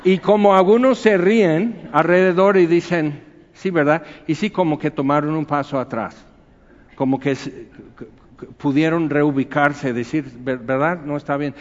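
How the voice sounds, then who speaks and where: A man, preaching a sermon in a relaxed, conversational storytelling way. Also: on the high side, normal speed, long reverb tail, highs cut off. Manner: anecdotal, conversational storytelling with acted quotes. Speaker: pastor.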